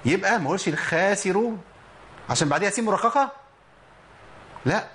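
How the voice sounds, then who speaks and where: Male Egyptian tutor for a recitation lesson, slightly high pitch, patient Q-and-A delivery, light noise floor. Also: animated, fairly bright tone. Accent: Egyptian Arabic. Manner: explanatory, asks and answers his own questions, slowly demonstrates sounds. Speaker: Quran recitation teacher. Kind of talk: instructional lesson on pronunciation.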